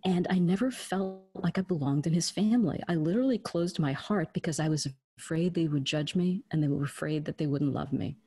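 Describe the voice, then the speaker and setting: A woman's voice: low-pitched, fairly quick, few pauses, mellow, husky. A woman in her fifties from Trinidad, an author telling her story earnestly and reflectively in an interview. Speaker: author guest. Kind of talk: interview conversation. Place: studio against plain grey backdrop.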